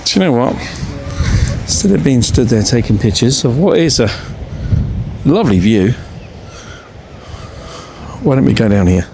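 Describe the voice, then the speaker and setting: A man chats to his handheld camera on a railway day trip, upbeat, easy and ready to laugh at his own slips. His voice sits at an everyday middle pitch, with a faint hiss of outdoor noise behind him. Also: expressive, moderate pace, pauses often. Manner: chatty, upbeat, self-deprecating. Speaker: travel vlogger. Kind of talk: casual travel vlog narration.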